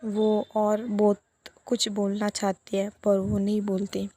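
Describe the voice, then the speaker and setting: A woman tells a romance story in a loose, chatty way, full of fillers and quick quoted lines. Her voice is husky and dark-toned, and her pitch stays flat and even. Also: no echo. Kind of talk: casual spoken retelling of a love story.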